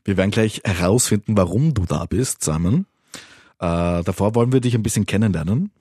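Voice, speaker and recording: A man's voice: fairly low pitch, lively intonation, a little fast, dark tone, husky, dry recording. A man hosting a radio podcast interview in a studio, chatty and teasing. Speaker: podcast host.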